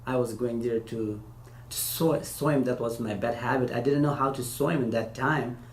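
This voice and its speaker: Recorded in an echoey room with a faint hiss, this interview guest from Afghanistan, who used to work as an interpreter, answers casually. He speaks halting, hesitant non-native English and restarts often. His mid-range voice keeps a steady tone.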